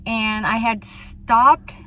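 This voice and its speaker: A woman's voice: on the high side, steady tone, drawn-out words, a bit bright, slight background noise. Chatty woman vlogger telling a story. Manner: chatty, rambling, lots of ums and laughs. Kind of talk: casual vlog storytelling. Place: outdoors in a small town.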